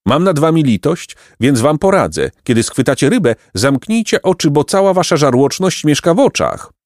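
Clever bold boy from a storybook, firm and lively, played by a man. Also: on the high side, moderate pace, no room sound, studio quality, pitched above the performer's own voice. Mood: stern. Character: clever bold boy, stern but kind.

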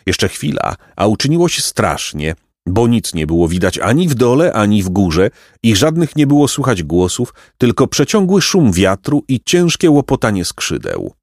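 A man narrating a children's storybook in an expressive, lyrical reading. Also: fairly low pitch, normal speed, dry recording, studio quality. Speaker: audiobook narrator.

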